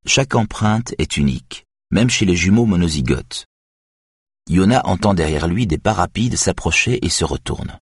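A man reading a crime novel aloud as narrator, in a steady, even way. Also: low voice, normal speed, husky, dry recording, clean studio sound. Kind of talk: audiobook narration.

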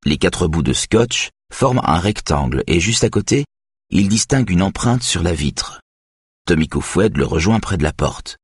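Deep-voiced, husky man narrating an audiobook. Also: lively intonation, normal speed, no room sound, clean studio sound.

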